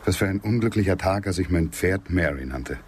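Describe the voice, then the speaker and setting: An actor playing a courteous, gallant frontiersman of the Old West in intimate radio drama dialogue, polite, measured and gently wry. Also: sits low, animated, a little hiss or hum. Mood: gently teasing.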